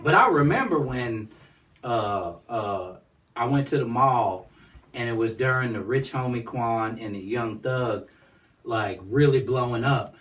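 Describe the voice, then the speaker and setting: A nonprofit founder with a high-pitched, somewhat bright voice speaks unhurriedly and expressively as a guest in a casual interview. He rambles, constantly saying "you know what I'm saying," and sounds as if he's far from the mic.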